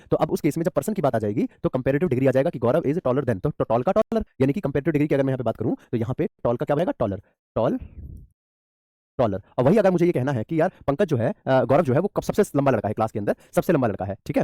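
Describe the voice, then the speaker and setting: Male English teacher, rapid-fire delivery, mellow tone, quizzes students and answers himself. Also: mid-range voice, no room sound, clean studio sound. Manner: addresses students as beta, asks and answers his own questions. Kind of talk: online grammar class.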